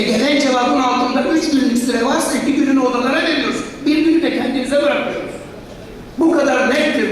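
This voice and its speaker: A man at a podium microphone, high, combative voice in an echoey hall. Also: distant mic, a little hiss or hum. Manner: combative, rhetorical questions and repetition. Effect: speaking at a podium microphone in a large hall. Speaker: association president addressing a general assembly. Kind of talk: heated assembly speech. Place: large assembly hall.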